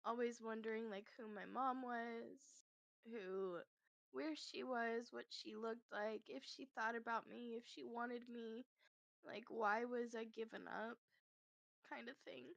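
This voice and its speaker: A woman's voice: fairly high pitch, fairly even intonation, a little slow, creaky, fairly bright tone, dry recording, dull audio. A woman guest on a podcast, telling a personal story in an earnest, heartfelt, conversational way. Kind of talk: casual conversation.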